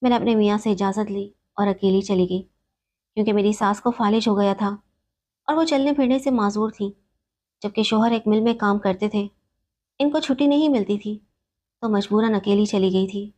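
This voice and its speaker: A woman telling an emotional story in the first person, reading in a steady, sorrowful way. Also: mid-range voice.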